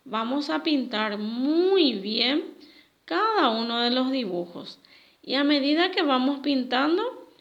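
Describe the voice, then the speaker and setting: A woman's voice: sits high, a bit bright, lo-fi sound. A woman teacher giving a recorded language lesson for children, carefully repeating each new word. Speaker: Guaraní teacher.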